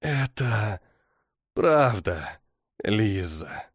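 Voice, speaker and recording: A man voicing a dying male warrior who talks calmly and weakly in an audiobook. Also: medium pitch, measured pace, dry recording, studio quality, lightly acted. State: weak, whispering. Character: dying male chaos warrior, calm and resigned.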